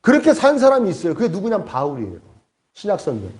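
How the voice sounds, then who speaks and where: This pastor speaks fast in a high voice, preaching in a church sanctuary. He tells stories with animation and performs the voices of the people in them.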